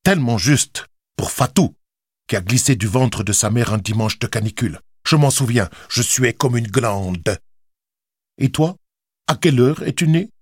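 A man's voice: mid-range voice, lively intonation, moderate pace, husky, clean studio sound. A man reading an audiobook, voicing a blunt, scornful uncle with a cavernous voice and a mocking, emphatic delivery. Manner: mocking, emphatic, swings from loud to hushed. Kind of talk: audiobook character voice.

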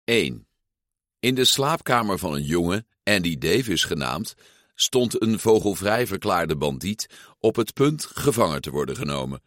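A man narrating a children's storybook aloud in an expressive, lively way. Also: deep voice, unhurried, dry recording, clean studio sound. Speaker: audiobook reader.

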